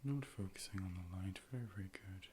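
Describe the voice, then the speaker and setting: A man with a low voice plays an optician for ASMR, talking briskly yet calmly in a soft, breathy way right by the mic. He often whispers as he offers gentle instructions and reassurance, and a slight hiss or hum can be heard.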